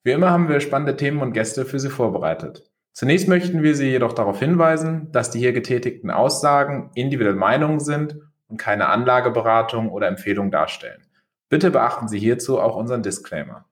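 A man hosting a podcast, reading a formal, polite scripted introduction and brisk legal disclaimer like an announcer. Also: medium pitch, expressive. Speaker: podcast host.

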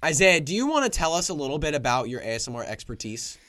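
A young man hosting a casual podcast chat, animated and quick to laugh. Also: mid-range voice. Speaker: podcast host. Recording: noisy podcast recording.

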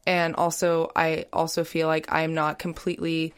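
A young woman with a smooth, clear voice pitched on the low side chats casually as a podcast guest. She talks in a loose, rambling way, leaning on "like" and "you know" as she goes. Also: completely flat delivery, moderate pace. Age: young adult. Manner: chatty, heavy on "like" and "you know". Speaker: guest, college student. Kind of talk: casual interview talk.

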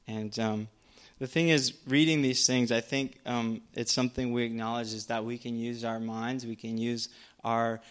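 A man's voice: mid-range voice, level tone, moderate pace, clean tone. A young man preaching a casual sermon, retelling Bible stories with frequent ums and playful voices for the characters.

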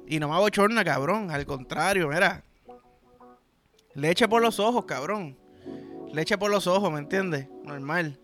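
A man's voice: high voice, unhurried, long pauses, a bit bright, faint music behind. A young man with a Puerto Rican accent, hosting a podcast in a crude, rambling comedic monologue full of slang. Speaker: podcast host.

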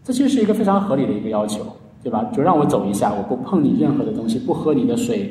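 A man preaching a sermon in a mellow, relaxed voice, earnestly telling a story and drawing out his sentence endings. He sounds far from the mic, his words ringing through a large, echoing hall. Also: mid-range voice, very fast, a little hiss or hum. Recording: echoey hall, heard from a distance.

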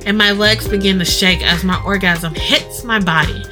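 A woman's voice: mid-range voice, fairly even intonation, normal speed. A woman host narrating an erotic audio story in intimate first person, with guitar music behind.

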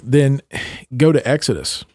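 A man's voice: medium pitch, expressive, measured pace, darkish tone, no room sound. A man with a mid-range voice, co-hosting a Bible discussion in an explaining, teacherly way. He leans on key phrases of the verses he reads and ties them back to his point. The recording is dry and close. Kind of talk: casual Bible study discussion.

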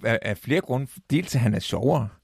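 Gravelly Danish man chatting about a film. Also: mid-range voice, expressive, no echo, clean studio sound. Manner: halting, many restarts and fillers, retells scenes. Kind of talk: casual film discussion.

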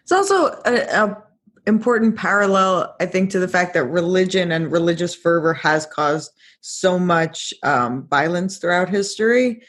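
A podcast co-host in casual discussion, reflective and quick to laugh. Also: mid-range voice, lively intonation, a bit bright.

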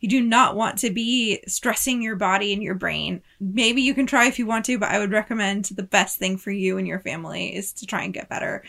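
A woman's voice: mid-range voice, a little fast, creaky, few pauses, a bit bright. A woman co-hosting a podcast in casual chat, with a reassuring, easygoing manner. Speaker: podcast co-host.

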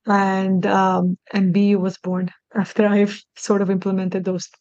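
Flat, gravelly-voiced middle-aged woman guest. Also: mid-range voice, no echo, lo-fi sound. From born in Russia, raised in New York. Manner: halting, many fillers and restarts, earnest. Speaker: guest, clinic CEO. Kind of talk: casual podcast interview.

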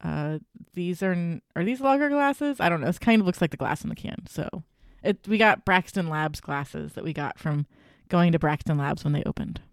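A podcast co-host in casual beer-tasting chat, chatty and playful, with quick asides. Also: mid-range voice, lively intonation, clean tone, no echo, clean studio sound.

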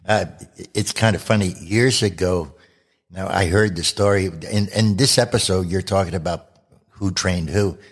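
Deep, husky male host. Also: normal speed. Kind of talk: casual interview chat.

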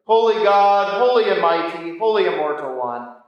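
A woman priest leading a church service, reciting prayers in a measured, solemn manner. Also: fairly low pitch, animated, dull audio. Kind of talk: liturgical prayer and greeting. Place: large room, church. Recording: echoey church, far from the mic.

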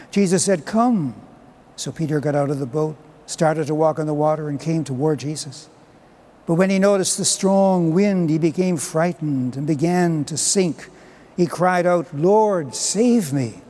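A man, a priest, reading the Gospel and preaching at Mass in a measured, solemn way, his voice carrying a cathedral echo. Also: fairly high pitch, dark tone. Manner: measured, solemn liturgical delivery. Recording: long church reverb.

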